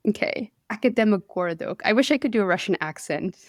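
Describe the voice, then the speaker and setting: A woman's voice: mid-range voice, animated, fast, dry recording. Chatty woman podcaster, dry close sound. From India. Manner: chatty, laughs often, self-deprecating asides. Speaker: podcast host telling a science story. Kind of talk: casual storytelling chat.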